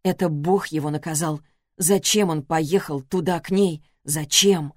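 A woman reading a literary story as an audiobook, measured and expressive, close to the mic. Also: low-pitched, no room sound. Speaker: audiobook narrator.

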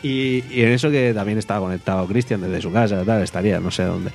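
Man telling a story, animated. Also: quick pace. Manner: animated, laughing, shrill acted quotes. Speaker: podcast co-host. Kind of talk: casual storytelling chat. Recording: faint guitar music behind.

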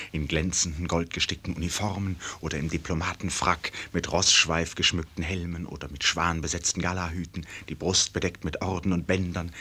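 A man's voice: sits low, fairly bright tone, breathy edge. A male actor playing a wry, urbane narrator of a satirical radio play, with ironic, literary delivery. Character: wry, urbane storyteller of a satirical court tale.

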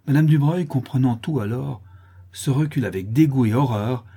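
Male audiobook reader, husky, dark, expressive. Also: medium pitch, normal speed. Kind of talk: scripted narration.

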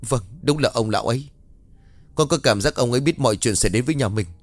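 A man's voice: mid-range voice, quick pace, no room sound, pitched above the performer's own voice, lightly acted. A man voicing a young son who pleads tearfully over his father's illness in a story. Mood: earnest.

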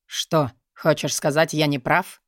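Woman doing a nasty mocking boss guy, low voice, dry sound. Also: steady tone, normal speed, dry recording, natural voice. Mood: menacing. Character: sneering cruel male boss, domineering.

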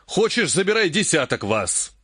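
A man doing a soft-spoken, measured emperor. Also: a little high, big pitch swings, slightly rough, dry recording, studio quality, voice pushed up, exaggerated voice. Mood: mild placating. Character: calm, mild-mannered male emperor, later irritated.

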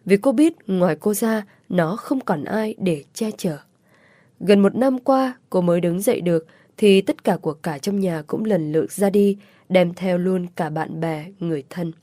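Brief: female audiobook narrator, measured emotive reading, dry close sound. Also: mid-range voice, mellow, no echo. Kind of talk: scripted story narration.

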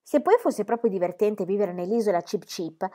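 A woman voicing an exuberant, carefree young girl who talks loudly and teasingly in a storybook reading. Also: medium pitch, animated, moderate pace, lightly acted. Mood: gleeful. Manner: loud, gleeful and teasing.

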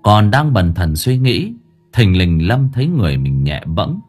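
A man narrating a scripted audiobook story in an expressive storytelling manner. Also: fairly low pitch, unhurried, breathy edge, soft background music.

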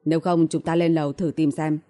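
A woman's voice: sits low, little pitch movement, a little fast, dark tone, natural voice. A woman voicing a careless, brash young man who blurts things out, in an audiobook reading. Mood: vague. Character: careless young man, loud and easily surprised.

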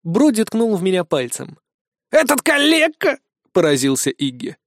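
A man reading a fantasy audiobook in a steady, expressive storytelling voice. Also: a little high, normal speed, no echo. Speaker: audiobook narrator. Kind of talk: audiobook narration. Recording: dry close studio audio.

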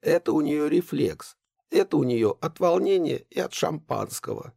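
A man reading an audiobook, voicing a nervous, secretive middle-aged son who speaks in a resigned, hushed way. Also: a little high, animated, normal speed, creaky, dry recording, studio quality, voice pushed up, full character voice.

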